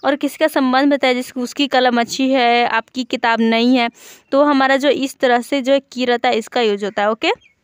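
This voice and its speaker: A woman Hindi teacher gives an online exam-prep lesson in a high, resonant voice. She explains step by step, reading out lists of example words with many fillers. The sound is close and dry. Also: clean tone, no echo.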